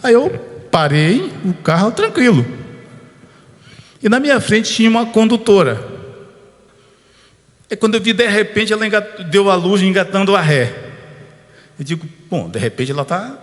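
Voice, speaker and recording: A pastor preaching an informal sermon at a church service, telling a personal story and calling out to the congregation. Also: male voice, sits high, animated, moderate pace, long pauses. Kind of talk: conversational sermon. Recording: long church hall reverb.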